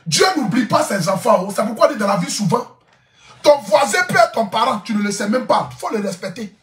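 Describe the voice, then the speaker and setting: A man's voice: sits high, lively intonation, brisk, fairly bright tone, reverberant. A man telling a comic vlog story, boisterous, laughing often and repeating his phrases. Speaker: social media influencer. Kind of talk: casual comic vlog monologue.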